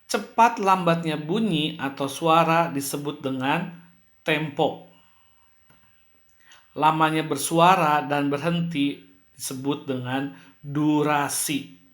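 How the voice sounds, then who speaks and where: A man teaching a school music lesson, explaining slowly and clearly, now and then acting out the sounds he describes. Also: a little high, fairly bright tone, reverberant. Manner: slow, clear explaining with playful sound demonstrations.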